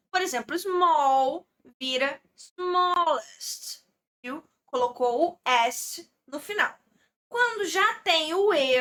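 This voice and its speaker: A young adult woman with a Brazilian accent teaches an exam-prep English lesson, her voice high and bright. She explains slowly and patiently, step by step, checking in with her listeners as she goes. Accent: Brazilian Portuguese.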